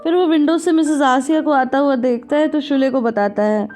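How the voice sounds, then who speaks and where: A woman narrating and retelling a TV drama episode in a steady storytelling manner, reading out what each character says. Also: sits high, brisk, faint music behind. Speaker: narrator and channel host.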